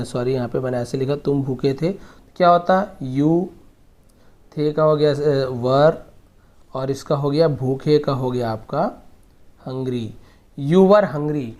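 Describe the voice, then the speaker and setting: A man teaching English grammar, patiently repeating each example slowly word by word. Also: medium pitch, darkish tone. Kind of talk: explaining grammar lesson.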